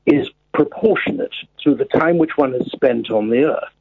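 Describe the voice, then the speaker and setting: A stuffy, long-winded gentleman past eighty-five rambles with stiff formality, tripping over his words, as a man on a call puts him on. The voice is gravelly and husky. It comes through a thin, tinny phone line. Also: mid-range voice, normal speed, dry recording. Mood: pompous. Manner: formal, roundabout, stammering. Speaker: caller.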